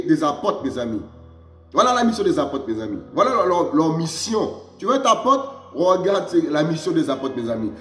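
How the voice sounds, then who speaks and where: A man with a high voice preaches an emphatic sermon, pushing his questions up and then sinking low to address his friends. His voice rings in a reverberant room. Soft music plays underneath. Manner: emphatic, repeats "mes amis" in a low drop; rhetorical questions, rising exclamations.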